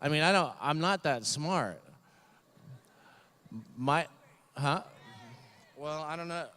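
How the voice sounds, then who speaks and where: A man's voice: on the high side, expressive, slow, sharp tone, a little hiss or hum. An older man giving a comedic commencement speech at a graduation ceremony, rambling and self-deprecating with many fillers. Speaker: commencement speaker.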